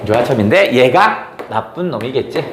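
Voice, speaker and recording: A man teaching a lecture on classical prose, telling the story in a lively, blunt, casual way and keeping the class engaged with rhetorical questions. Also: medium pitch, moderate pace, echoey room, background noise. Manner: casual, blunt speech with slang.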